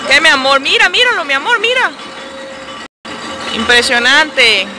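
Young woman vlogger, high voice, talks slow and gushy, loud background noise. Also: over music. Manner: excitable, exclaiming and cooing. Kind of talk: casual vlog narration. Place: outdoor amusement park, then at home. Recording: noisy outdoor phone recording.

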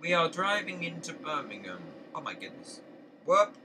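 Bright, lively young man gaming. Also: a little high, moderate pace, distant mic, a little hiss or hum. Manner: chatty, playful, talks to himself and other drivers. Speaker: gaming channel host. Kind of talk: casual let's play commentary.

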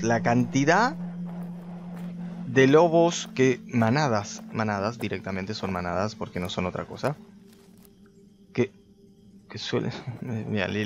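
Man, let's play commentary, excitable, faint background noise. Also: dull audio. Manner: excitable, talks to viewers, jumps high when startled. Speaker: gaming video host.

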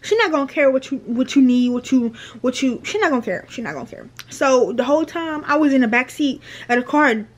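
A woman's voice: high voice, animated, brisk, hardly any pauses. A young woman vlogger telling a casual storytime, chatty and slangy, repeating her phrases.

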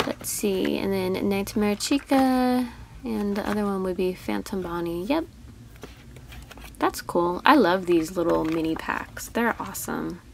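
A woman's voice: medium pitch, unhurried, vocal fry, a little hiss or hum. Gushing woman touring toy aisles. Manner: chatty, easily delighted, gushing over toys. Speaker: toy vlogger. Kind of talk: casual toy-hunt commentary.

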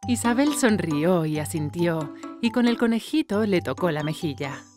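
A woman's voice: lowish voice, expressive, normal speed, a little mellow. A woman narrating a scripted children's cartoon story. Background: music.

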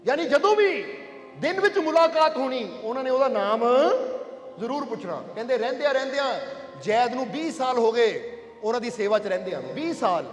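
A man's voice: very high voice, big pitch swings, fairly quick. A man preaching a sermon, telling a story and asking his listeners whether they follow. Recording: echoey hall with faint music.

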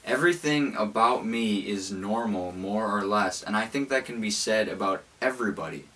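A man's voice: lowish voice, moderate pace, a bit bright. A young man in his late teens talking reflectively to camera, his mouth held a little stiffly because of a cold sore on his lip. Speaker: vlogger. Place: small cluttered bedroom, indoors. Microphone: camera a few feet away.

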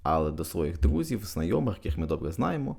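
Low, dark-voiced male language teacher. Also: big pitch swings, brisk, creaky. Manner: patient, repeats each phrase twice with translation. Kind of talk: explaining Portuguese phrases in Ukrainian.

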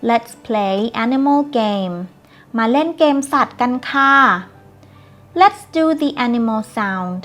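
A woman teaching English phrases to children, saying each line clearly and translating it. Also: on the high side. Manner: clear, slow teacherly pronunciation with Thai translations. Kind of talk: bilingual phrase lesson, slow repeated English lines. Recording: soft background music.

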